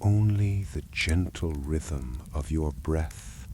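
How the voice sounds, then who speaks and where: A man narrating a soothing sleep story in a hushed, gentle, calming way, with long pauses between phrases. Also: very deep voice, a little hiss or hum.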